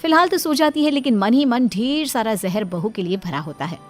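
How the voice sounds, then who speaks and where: A woman narrating a cartoon moral story in a steady storytelling manner. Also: fairly high pitch, a little fast, soft background music.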